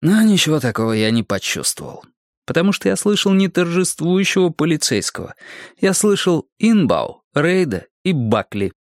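Measured dry man narrating a story. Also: a little high, sing-song, no room sound. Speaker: audiobook narrator. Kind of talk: scripted narration.

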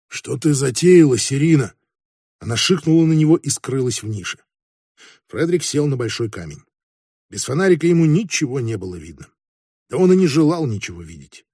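Man narrating an audiobook, dark husky voice. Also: medium pitch, no room sound, clean studio sound.

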